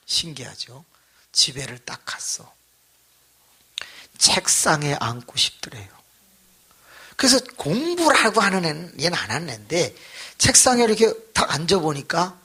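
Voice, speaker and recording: A man pastor preaching a revival sermon, telling a story with animated, acted-out voices. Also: high voice, husky.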